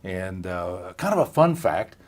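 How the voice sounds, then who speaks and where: Here a low-pitched, very animated middle-aged man takes his time as he moderates a live-streamed health interview. He keeps things folksy and chatty, laughing and restarting his thoughts often.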